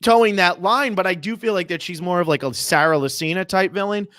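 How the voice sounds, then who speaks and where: A man with a high-pitched voice hosting a casual, chatty TV recap podcast. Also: a little fast, a bit bright, dry recording, clean studio sound. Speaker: podcast host.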